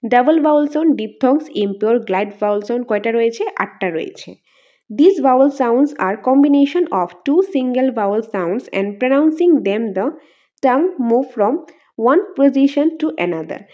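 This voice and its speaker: A woman with a Bengali accent teaches an exam-prep lesson in a fairly high, mellow voice. She keeps asking questions and answering them herself. The recording sounds dull and lo-fi. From northeast India.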